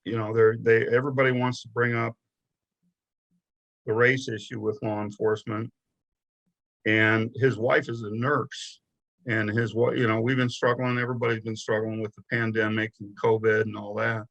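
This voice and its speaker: A man's voice: on the low side, little pitch movement, moderate pace, creaky, a bit bright, dull audio. A middle-aged man, a deputy sheriff, telling stories in a casual interview, rambling and restarting often. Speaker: guest, deputy sheriff and investigator.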